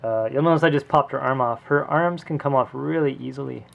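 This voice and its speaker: A man's voice: mid-range voice, a little fast, gravelly. A man talking casually and rambling with fillers while he reviews a figure, recorded at home on a small camera. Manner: relaxed, rambling, many fillers. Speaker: toy reviewer. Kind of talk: casual hands-on product review. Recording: lo-fi home video audio.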